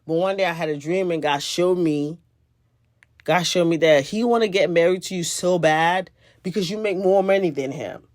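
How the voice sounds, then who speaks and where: On a dry, clean studio recording, a woman with a lowish, darkish voice speaks at a normal pace. She is a spiritual video host sharing a personal spiritual testimony in an earnest, conversational manner, repeating phrases for emphasis.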